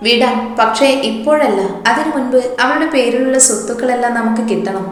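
A woman's voice: a little high, fairly quick, lightly acted. A woman playing a cold, scheming stepmother. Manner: cold and calculating. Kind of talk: storytelling voice acting. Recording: very echoey room, long reverb.

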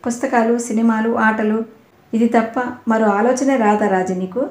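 A woman's voice: a little high, fairly even intonation, moderate pace, darkish tone, roomy sound, natural voice. A woman voicing a naive, innocent teenage girl in an audio novel, talking earnestly.

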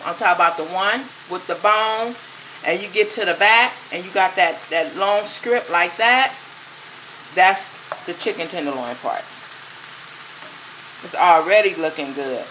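A middle-aged woman talks through her cooking in an unhurried, easygoing way and speaks straight to her viewers. She films herself at her home stove on a phone. Faint sizzling and kitchen noise sit under her voice. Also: on the low side, pushed and bright. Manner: chatty, addresses viewers as "you guys". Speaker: home cook vlogger. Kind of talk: casual cooking vlog narration.

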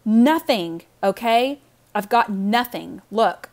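A woman voicing a guilty, defensive young boy in a storybook reading, loud and exasperated. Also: medium pitch, a little fast, natural voice. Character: boy Evan, guilty, defensive older brother.

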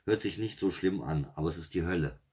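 A man's voice: sits low, quick pace, darkish tone, lightly acted. A man reading a story, voicing a harried father who is weary and exasperated. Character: harried father dreading his stalking uncle.

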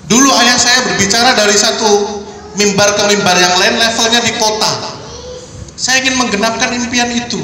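A man's voice: extremely high pitch, sharp tone, slight background noise. A young man giving an earnest, repetitive motivational seminar talk to students in a large hall. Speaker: seminar speaker. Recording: echoey hall from far off.

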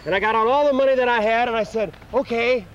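Very high-voiced man telling a comic story. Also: racing. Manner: animated, acts out voices and sound effects. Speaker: comic performer. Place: outdoors in a city park. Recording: dull lo-fi outdoor video with faint street noise.

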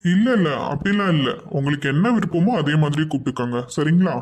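A man's voice: a little high, lively intonation, fast talker, darkish tone, lightly acted. A man voicing a courteous, reassuring company boss in a cartoon. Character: courteous company boss, warm to staff families. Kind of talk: cartoon voice acting.

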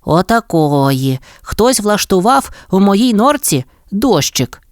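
A woman's voice: medium pitch, slow, dry recording, pitched above the performer's own voice. A cheerful, curious little male mole from a storybook, voiced by a woman. His voice sits well above the narrator's and jumps about eagerly. The sound is dry and close. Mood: excited. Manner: bright, excited, childlike exclamations. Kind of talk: storybook voice acting.

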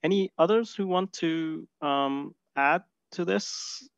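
A man in his forties moderating an online panel from home on a headset mic, chatty and animated. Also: a little high, takes it slowly, gravelly, no room sound, muffled recording. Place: home room, video call.

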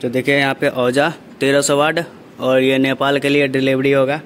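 A young man vlogging his way through a large warehouse, talking in a steady, salesman-like patter with the phone held at arm's length. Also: medium pitch, moderate pace, slight background noise. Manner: steady salesman-like patter, repeats "dekhiye" and "dosto". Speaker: vlogger showing a speaker cabinet factory. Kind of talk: casual vlog walkthrough. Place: large warehouse, partly outdoors.

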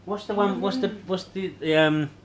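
A man's voice: high voice, fairly even intonation, normal speed, a crowd in the background. A man in his forties with a southern English accent, reacting coarsely and with disgust while eating gross jelly beans in a casual home vlog. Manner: coarse, sweary. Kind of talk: casual family challenge vlog. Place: living room, indoors. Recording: noisy home camera audio with clicks.

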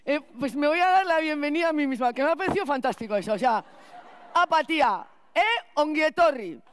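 A woman playing a scatterbrained, chatty school cleaner in a clown stage monologue, rambling with restarts and loud outbursts. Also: high voice, animated, brisk. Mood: flustered. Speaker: clown performer.

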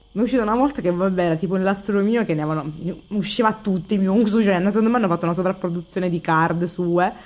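A woman's voice: mid-range voice, darkish tone. A young woman unboxing an album on her vlog, overexcited, squealing and near tears as she talks to her viewers. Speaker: vlogger. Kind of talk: excited unboxing video.

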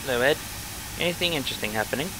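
A man's voice: medium pitch, lively intonation, very fast, close to an everyday voice. A man voicing an inquisitive, chatty train engine in an amateur drama. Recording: clear engine noise behind.

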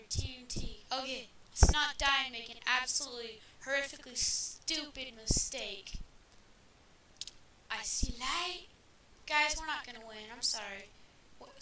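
Very echoey, high-voiced excitable gamer woman. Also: far from the mic. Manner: chatty, easily excited, talks straight to viewers. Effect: heavy echo from own speakers. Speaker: gameplay commentator. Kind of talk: casual let's-play commentary. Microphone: desk microphone with speakers playing back. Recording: very echoey, off-mic, clear background noise.

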